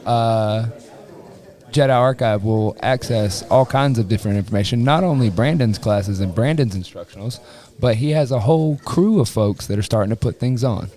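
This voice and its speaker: A man's voice: medium pitch, warm tone. A man co-commentating a live jiu-jitsu event who banters casually with the others and reads the event's announcements.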